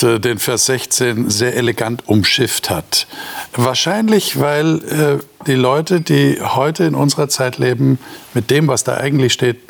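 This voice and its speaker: A man's voice: mid-range voice, vocal fry. Casting: a man leading a Bible talk, curious and questioning, hesitant fillers. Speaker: discussion leader. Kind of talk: casual discussion.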